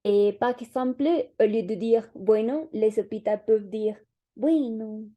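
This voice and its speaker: A woman's voice: medium pitch, fairly even intonation, moderate pace, dark tone. A young woman giving an oral class presentation, reading aloud hesitantly with fillers. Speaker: student presenter.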